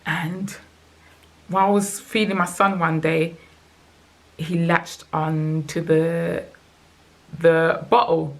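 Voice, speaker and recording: Woman in her twenties, lower voice, animated personal storytime vlog. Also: slow pace, gravelly, long pauses. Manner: emotional, animated retelling with acted quotes. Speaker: vlogger.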